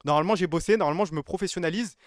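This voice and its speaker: A man's voice: high-pitched, rapid-fire, no echo, studio quality. A man in his twenties, chatting casually on a live stream, rambling, joking and exclaiming to his viewers. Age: 20s.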